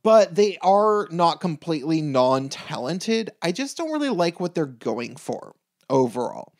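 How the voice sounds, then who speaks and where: A speaker with an androgynous voice giving a casual, opinionated rant, rambling and halting, with blunt swearing and a sardonic, exasperated manner. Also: mid-range voice, big pitch swings, darkish tone.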